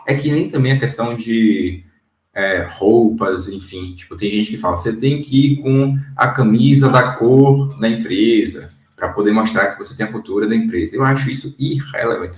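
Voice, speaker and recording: A man's voice: medium pitch, reverberant, recorded from a distance. A man working as a career coach, giving a casual video lesson in a direct, conversational way and often checking in with his listeners.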